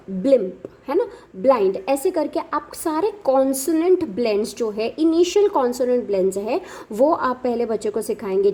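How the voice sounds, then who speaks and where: Woman, high voice, explains reading steps for parents carefully, slow modelled words. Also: dark tone. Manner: explains step by step, mixes English terms, models words slowly. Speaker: parent educator. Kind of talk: instructional talk.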